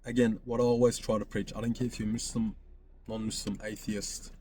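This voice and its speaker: A man talks straight to the listener in a frank, personal monologue. His voice is warm and mellow, with a faint hiss behind it. He drives each point home with repetition and keeps asking "right?". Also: fairly low pitch, level tone, a little fast. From Australia. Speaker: podcast host.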